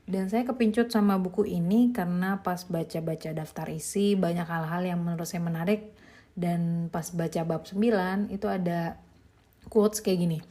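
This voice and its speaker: A woman's voice: on the low side, dark tone. A young woman, a mother, chatting casually as a podcast host reviewing a book, informal and easygoing with light laughs.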